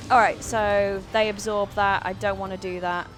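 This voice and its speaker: A woman in her thirties streams a video game live, chatting with viewers, swearing, and exclaiming at what happens on screen. She speaks slowly in a mid-range voice, with faint game music in the background.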